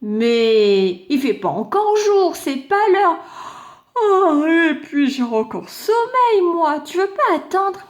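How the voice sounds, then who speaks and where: A sleepy male sun grumbles at being woken, dragging his words slowly, voiced by a woman. He sounds drowsy and put out. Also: very high voice, big pitch swings, echoey room, pitched above the performer's own voice, full character voice. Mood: sleepy grumbling. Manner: slow, drowsy complaining.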